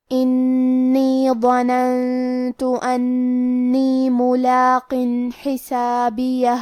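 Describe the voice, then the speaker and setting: Woman recitation teacher with a high, dry voice, patient and explanatory, stretches out each word when she demonstrates it. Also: a little mellow, no echo. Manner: slow, careful recitation of Arabic words between explanations. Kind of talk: tajweed lesson explaining pronunciation rules.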